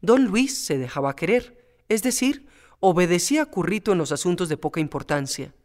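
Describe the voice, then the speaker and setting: High-voiced man narrating a storybook. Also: animated, fairly quick, darkish tone.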